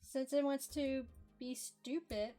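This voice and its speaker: A woman's voice: high-pitched, fairly even intonation, takes it slowly, mellow, faint music behind. A young woman streaming a book reading, giggly and chatty between passages.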